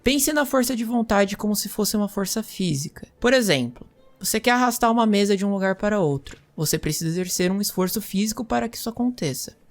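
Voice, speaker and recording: Woman, scripted magic-class lecture, measured, middle pitch. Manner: measured, explanatory, addresses students directly. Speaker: fantasy magic teacher. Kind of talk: scripted role-play lecture.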